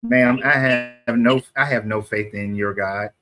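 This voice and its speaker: A man from Atlanta, USA, debates in a casual street conversation, explaining at length and correcting himself along the way. His voice is lowish and a bit bright, with a steady tone and an unhurried pace.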